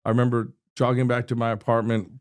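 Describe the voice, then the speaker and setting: Speaking fast in a mid-range voice with a level tone, a state representative from Texas in his sixties recounts a personal story on a podcast. He comes across earnest and vivid, often restarting his sentences.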